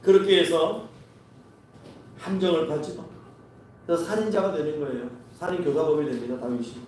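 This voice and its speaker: A man's voice: on the high side, normal speed, a little mellow, a little hiss or hum. A man preaching a sermon, telling a story and acting out its dialogue as he goes. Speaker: pastor. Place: church sanctuary. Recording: echoey church hall from far off.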